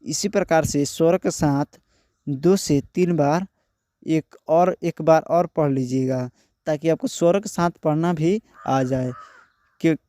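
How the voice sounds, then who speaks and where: A man's voice: a little high, mellow, no echo, studio quality. A man teaching children to read, going word by word and spelling out syllables, then asking who did what. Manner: slow, word-by-word with repeated questions. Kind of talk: children's Hindi reading lesson.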